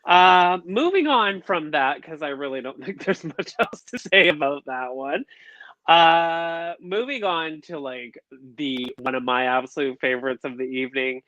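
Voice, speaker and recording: A man co-hosting a casual review chat, effusive and animated, on a video call mic. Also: on the high side, measured pace, dry recording. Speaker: co-host. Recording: dull lo-fi dry sound.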